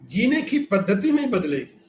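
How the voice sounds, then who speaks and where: A man's voice: high voice, very animated, moderate pace, a little mellow, echoey room, slight background noise. A man giving a scriptural lecture as a spiritual teacher, explaining with everyday examples and asking rhetorical questions.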